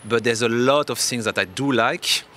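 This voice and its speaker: Speaking English as his second language, this guest from France is reflective in a casual interview and frequently starts his phrases over. His mid-range voice has a sharp tone and a moderate pace, with a little hiss or hum underneath.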